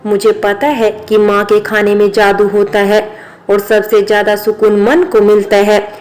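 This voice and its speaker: Brief: a sarcastic young drinking man, level monotone delivery, a woman reading him. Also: mid-range voice, a little slow, close to an everyday voice. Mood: teasing. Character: brash young man who drinks, gruff then teasing.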